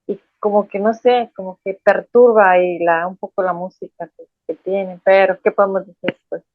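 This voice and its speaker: A woman's voice: mid-range voice, steady tone, moderate pace, dry recording. A woman student in an online class, hesitant and trailing off mid-sentence. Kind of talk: class discussion. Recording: tinny phone-like call line.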